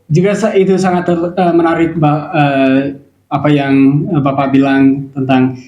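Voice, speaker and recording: Foreigner speaking Indonesian, American-accented man, native English speaker, slightly high voice, halting word searches, casual interview, echoey room. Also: flat delivery, a little mellow, dull audio. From United States. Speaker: guest, foreign learner of Indonesian.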